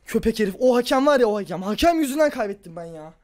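A man giving let's-play commentary, yelling and ranting furiously at his opponent, then grumbling. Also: high voice, big pitch swings, very fast. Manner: muttering and grumbling after the game. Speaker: gaming YouTuber.

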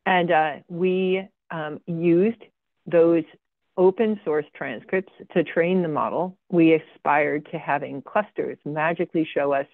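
A guest speaker presents her research over a slide deck, her deep voice unhurried and the recording dry. She fills her talk with ums and dry, sarcastic asides, and the video call audio sounds tinny, like a phone.

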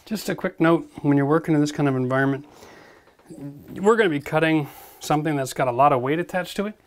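A man's voice: fairly high pitch, quick pace. A man in his forties hosting a renovation show, giving a direct, practical how-to demonstration from a gutted bathroom. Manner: direct, practical, addresses viewers as folks. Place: gutted bathroom in an old brick building, indoors.

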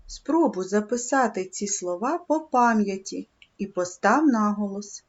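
A woman reading a scripted primary school lesson, speaking slowly and clearly and stressing syllables. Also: mid-range voice, animated, highs cut off. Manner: slow, clear instructional delivery, stressing syllables.

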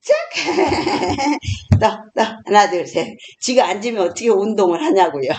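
A woman's voice: medium pitch, animated, a little fast, a little mellow. An older woman, a grandmother, casually leading home exercises, counting aloud and chatting to a small child. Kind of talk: casual spoken instruction with counting. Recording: echoey room with faint noise.

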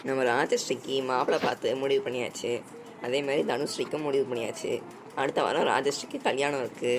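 A woman voicing a calm, matter-of-fact middle-aged father in a cartoon, explaining family marriage plans. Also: rumbling low, fairly quick, noisy background, voice pushed down. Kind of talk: cartoon voice acting.

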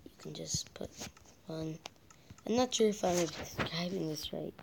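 A man's voice: on the high side, unhurried, gravelly, background noise. A male gameplay vlogger chatting casually while he builds, often muttering and half-whispering as he counts blocks under his breath, with rambling asides.

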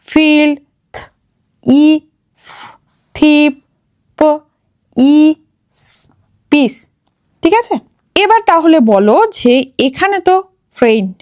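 Lady teaching phonics, highish voice, spells out sounds slow and keeps asking ok?. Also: a little mellow. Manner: slow, sounds words out letter by letter; checks in often with a rising question. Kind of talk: explaining a lesson to children and parents.

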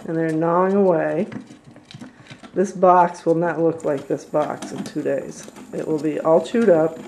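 Brief: a woman rehabber with a low, warm voice, giving a gentle, chatty tour through a handheld camera. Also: slight background noise, low-quality recording. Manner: gentle, chatty, coos at animals. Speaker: squirrel rehabilitator. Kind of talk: casual video tour. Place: indoor rehab room with cages.

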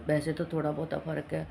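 Hoarse woman rambling through her day. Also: low-pitched, completely flat delivery, normal speed, dark tone, slight background noise. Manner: rambling, matter-of-fact. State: hoarse, recovering from a cough. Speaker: vlogger. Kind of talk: casual home vlog chat.

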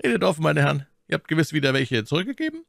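A man's voice: fairly high pitch, sing-song, racing, vocal fry, a bit bright, no room sound, studio quality, voice pushed up, full character voice. A man voicing a commanding, cunning male cardinal with a ringing, imperious tone, in a storybook reading.

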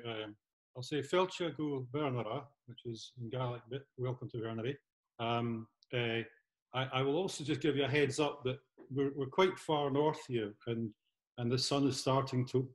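A man's voice: medium pitch, a little mellow, rough recording. Scottish guy, 50s, artist on a zoom call, stops and restarts a lot, big studio space. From Scotland. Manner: halting, with many restarts. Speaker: artist giving a talk. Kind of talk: casual talk over video call. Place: large converted church studio, indoors. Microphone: laptop camera, video call.

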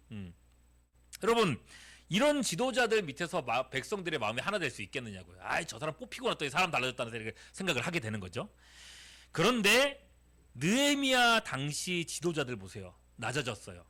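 Lively high-voiced man preaching to teens. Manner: animated, asks the audience many questions. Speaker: youth pastor. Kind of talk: sermon to teenagers.

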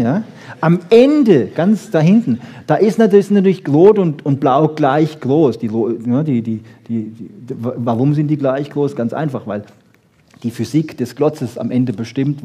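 A man with a mid-range, dark, slightly rough voice gives an animated, informal lecture on brain research. He addresses the audience conversationally, using rhetorical questions and short emphatic remarks.

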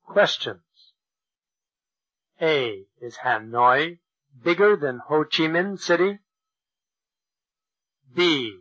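A slow, bright-voiced man reading a textbook. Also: fairly high pitch, expressive, lo-fi sound. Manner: slow, deliberate, over-articulated delivery for learners. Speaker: textbook audio narrator.

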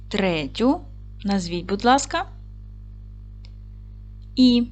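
A woman teaching a recorded lesson to young schoolchildren. She speaks slowly and carefully, asks questions, pauses, and then answers them herself. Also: medium pitch. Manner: slow, careful, clearly spelled-out speech. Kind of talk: video lesson for young children.

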